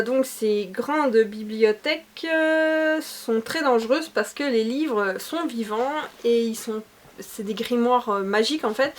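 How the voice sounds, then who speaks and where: A woman talking casually and enthusiastically about books she has read, chatty with many hesitations. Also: on the high side. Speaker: book reviewer.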